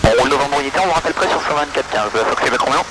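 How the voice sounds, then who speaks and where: A man's voice: medium pitch, rapid-fire. A man training as a pilot, giving methodical, terse procedural callouts and radio calls over a pilot headset. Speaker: student pilot. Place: small light aircraft cockpit. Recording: pilot headset, loud aircraft engine noise.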